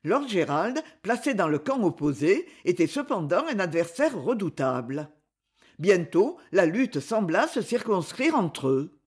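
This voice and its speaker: A narrator reading a classic novel aloud in an expressive storytelling manner. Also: medium pitch, measured pace, breathy edge.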